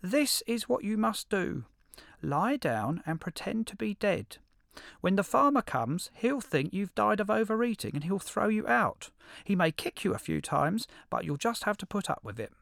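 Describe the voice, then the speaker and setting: Man voicing a storybook hedgehog, small, clever, high squeaky voice, sly, dry sound. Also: big pitch swings, normal speed, gravelly, a bit bright, dry recording, heavily acted. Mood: scheming.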